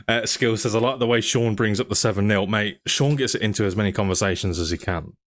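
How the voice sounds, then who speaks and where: Chatty podcast host, lowish voice. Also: male voice, brisk, fairly bright tone. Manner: chatty, reads out viewer comments and asks questions. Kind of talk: casual football chat.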